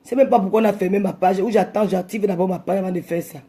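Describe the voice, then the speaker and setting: A woman hosting a live stream, ranting and scolding her rivals combatively, sometimes shouting. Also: medium pitch, fairly even intonation, fast.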